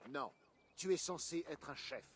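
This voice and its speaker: A man's voice: on the high side, animated, unhurried, slight background noise. An actor voicing a stern, proud male Viking king in a dubbed video game, speaking with a commanding, scolding manner. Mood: stern counsel. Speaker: war leader.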